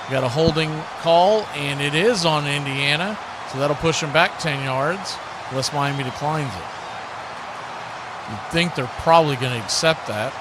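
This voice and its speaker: On a noisy live stream full of background noise, a man with a higher-pitched voice calls American football play-by-play at a moderate pace. He speaks in short, clipped phrases and gets louder on the big plays.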